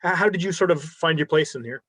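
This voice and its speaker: A man's voice: on the high side, fast talker, fairly bright tone, breathy edge, dry recording. A man hosting an interview podcast, asking long, friendly questions. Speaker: podcast host.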